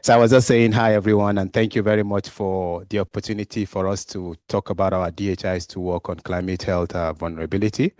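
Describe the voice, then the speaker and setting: A man's voice: deep voice, little pitch movement, quick pace, few pauses, a little mellow, dry recording. A man giving an informal conference talk in a hesitant, conversational, joking manner. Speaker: conference speaker, health informatics director.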